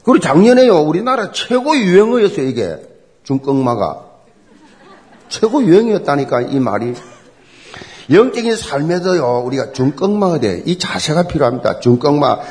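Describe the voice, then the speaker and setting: A middle-aged man preaching a sermon as pastor, emphatic and animated, driving points home with rhetorical questions and repetition. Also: on the high side, moderate pace.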